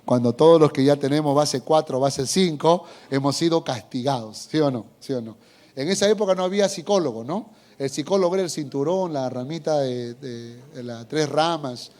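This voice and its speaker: Pastor guy, middle-aged, preaching with lively stories, voice a bit high. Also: moderate pace. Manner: animated storytelling, acts out voices, asks the congregation. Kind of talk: sermon.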